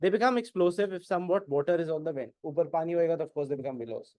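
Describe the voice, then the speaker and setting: A man with an Indian English accent teaching an exam-prep class, mixing Hindi and English and often asking whether it is clear. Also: fairly high pitch, slow pace, warm tone, dry recording. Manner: keeps asking "is it clear?", questions and answers his own prompts.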